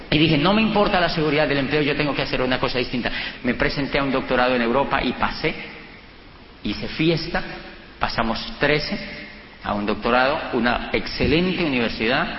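A middle-aged Colombian man with a Colombian accent, telling personal anecdotes to an audience and acting out the dialogue in a lively way. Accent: Colombian Spanish. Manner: animated anecdotes, acts out dialogue with lively pitch jumps. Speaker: speaker giving a talk. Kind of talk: storytelling lecture to an audience. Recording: dull, echoey hall with faint noise.

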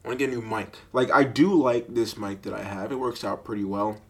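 Recording on a cheap mic with a sock over it as a pop filter, this young podcast host has a deep voice and tells loose, lively stories packed with laughs and filler words. His delivery is brisk.

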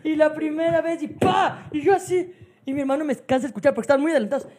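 Ecuadorian woman telling a story on a podcast, high voice, swears a lot, laughs a lot. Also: fast talker, a little mellow. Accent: Ecuadorian Spanish. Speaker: podcast co-host. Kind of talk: casual storytelling chat.

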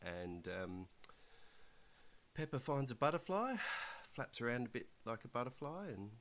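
A man's voice: medium pitch, big pitch swings, a little slow, a bit bright. An Australian man co-hosting a podcast in casual, conversational chat. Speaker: podcast co-host.

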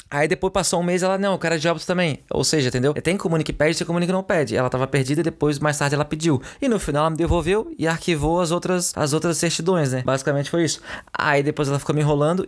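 Fast-talking Brazilian man telling a story. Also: fairly high pitch. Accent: Brazilian Portuguese. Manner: animated, swears, acts out quoted people. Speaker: guest. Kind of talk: casual storytelling interview.

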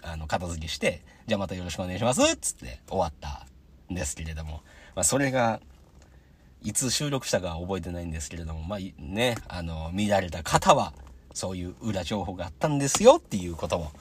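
A man's voice: deep voice, animated, a little fast, breathy edge. A young man with a Kansai accent hosting a casual solo podcast, chatting about his day and acting out the voices in his anecdotes. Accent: Kansai Japanese. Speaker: podcast host.

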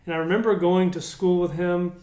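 A man's voice: high voice, steady tone, brisk, darkish tone, echoey room. A man in his thirties co-hosting a casual faith discussion, candid and self-deprecating, with many restarts. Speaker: podcast co-host.

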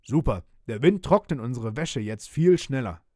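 Male narrator voicing a grumpy, commanding ship captain, gruff and loud. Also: mid-range voice, expressive, normal speed, no echo, studio quality, natural voice. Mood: bossy.

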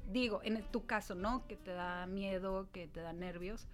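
Calm, reassuring woman therapist. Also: medium pitch, unhurried. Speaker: acupuncture therapist guest. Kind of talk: reassuring explanation in casual chat. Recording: light music in background.

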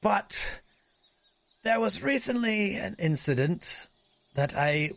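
Arrogant pompous lord, put on by a male game master, high and animated. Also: slow, gravelly, dry recording, heavily acted.

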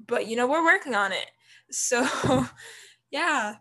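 A woman's voice: fairly high pitch, expressive, measured pace, sharp tone. A young woman chatting casually as a podcast guest, peppering loose sentences with filler words. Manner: says "like" constantly, loose phrasing. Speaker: podcast guest, committee co-lead. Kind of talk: casual chat.

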